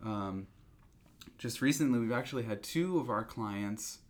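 A man speaking as a company representative in a business interview, explaining in a halting, conversational way. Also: on the low side, lively intonation.

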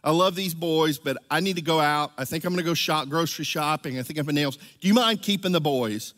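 A man's voice: on the high side, quick pace, a bit bright, natural voice. A man voicing his worn-out wife, an exhausted mother of two young boys, pleading for a break, in a preacher's sermon. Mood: weary pleading. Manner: weary, pleading. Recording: long reverb of a large church hall.

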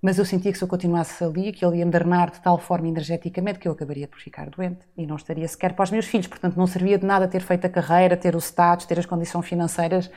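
Speaking rapid-fire with few pauses, this fortysomething podcast guest from the Azores, Portugal, has a fairly low, warm voice but a flat delivery. She narrates her life reflectively in a relaxed interview, with many rhetorical asides.

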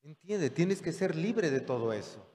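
A man's voice: a little high, big pitch swings, normal speed, darkish tone. A man preaching a sermon, talking conversationally and often checking in with the congregation through rhetorical questions. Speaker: pastor. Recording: long hall reverb.

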